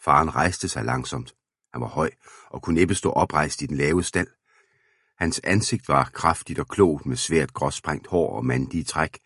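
Male audiobook narrator, steady storytelling, extremely low and husky. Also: dry recording, clean studio sound. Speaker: audiobook reader.

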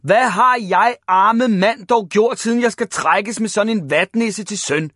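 A man voicing a loud, blustering, gruff father who shouts at his son. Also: high-pitched, no echo, clean studio sound, voice pushed up. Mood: shouting. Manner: shouting, table-banging bluster.

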